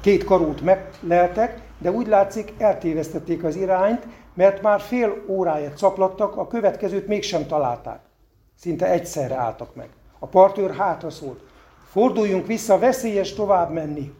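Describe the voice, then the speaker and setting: A man's voice: high voice, dark tone. A man reading a story aloud to listeners, with a few unpolished, self-deprecating asides at the end. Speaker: reader.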